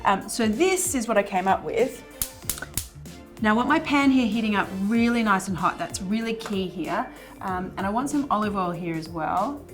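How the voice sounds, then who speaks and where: A woman hosting a relaxed cooking demonstration, chatty and playful, with a habit of laughing at herself. Her voice sits in a middle pitch. Faint music and a sizzling pan play behind her. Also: normal speed. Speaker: cooking show host. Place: kitchen.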